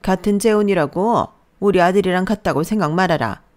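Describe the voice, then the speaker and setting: A woman's voice: fairly low pitch, brisk, darkish tone, pitched above the performer's own voice, natural voice. A woman voicing a contemptuous older mother-in-law who nags and belittles, in a storybook narration with acted dialogue. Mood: scolding. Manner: sneering, nagging, belittling.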